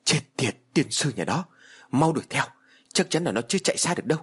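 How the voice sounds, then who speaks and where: A man voicing a harsh, domineering old woman who scolds and curses her household in a shrill voice. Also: very animated, fast talker, husky. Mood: furious scolding.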